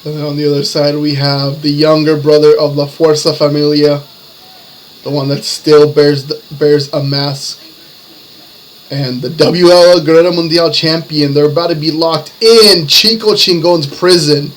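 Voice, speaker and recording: With music in the background, a man announces lucha libre action in short phrases that build up. His voice is a little high with little pitch movement, at normal speed, and the audio quality is poor.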